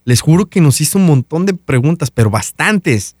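A man's voice: on the high side, moderate pace, no echo, studio quality. A man, hosting a podcast and casually telling a personal story, acting out the back-and-forth of the conversations. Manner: animated retelling that acts out dialogue. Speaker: podcast host.

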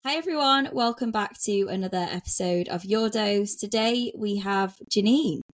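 This podcast host is a woman with a mid-range voice and a moderate pace. She reads a scripted introduction, then shifts into a friendly, casual interview with her guest.

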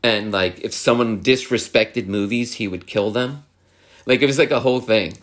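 Rambling young man in casual chat. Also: fairly low pitch. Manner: rambling and halting, full of restarts and fillers; animated when mimicking others.

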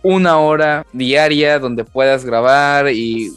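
A young man gives calm, plain advice as a podcast guest. His voice is at an ordinary pitch and sounds dry and close, with faint music under it. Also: slow, clean tone, dry recording. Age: young adult. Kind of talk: casual podcast chat.

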